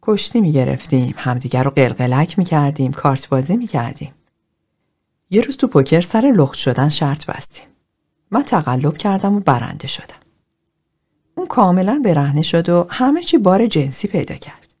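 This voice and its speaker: Woman voicing a group therapy man, confessional, earnest, low voice with lively pitch, storybook reading.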